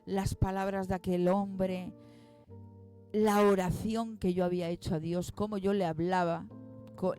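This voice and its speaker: A woman's voice: fairly low pitch, mellow. Emotional woman telling her testimony. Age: 40s. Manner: emotional storytelling, acts out quoted dialogue. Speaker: guest. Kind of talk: personal testimony.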